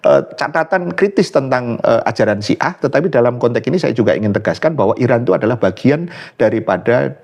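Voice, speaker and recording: A guest speaker who is an Islamic scholar offers political commentary in an interview, earnest and often searching for words with fillers and restarts. His mid-range voice is animated and brisk, a little mellow, with vocal fry.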